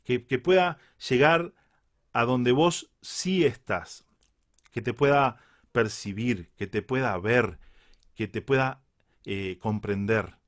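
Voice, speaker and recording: A man's voice: medium pitch, takes it slowly. A man with a Uruguayan Spanish accent preaching a reflective Bible sermon, earnest and repeating key phrases for emphasis.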